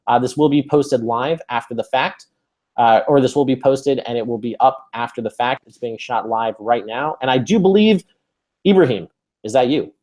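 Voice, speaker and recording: A man's voice: medium pitch, normal speed, a little mellow. A man hosting a live webinar over a video call, upbeat and chatty, with many fillers and restarts. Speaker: webinar host.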